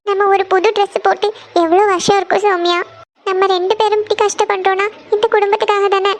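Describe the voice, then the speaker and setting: A woman's voice: very high voice, little pitch movement, fast talker. A woman voicing a worried young cartoon woman, the eldest sister of a struggling family, who is crying as she pours out her family's troubles in a pleading way. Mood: tearful, worried. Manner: tearful, pleading, dwells on family hardship. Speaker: elder sister who gives tuition lessons.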